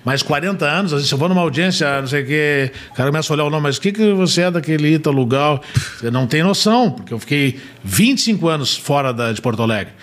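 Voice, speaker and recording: A man's voice: on the high side, quick pace. A man in his sixties with a Gaúcho accent, a radio narrator and lawyer talking casually about his career. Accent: Gaúcho Brazilian Portuguese. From São Leopoldo, southern Brazil. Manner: relaxed and talkative, likes doing impressions. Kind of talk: casual chat.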